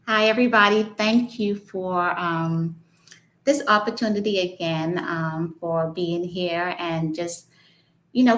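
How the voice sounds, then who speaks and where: A woman's voice: fairly low pitch, fairly bright tone, poor audio. A woman from the Bahamas, an author talking hesitantly, with frequent ums, and reading from her book.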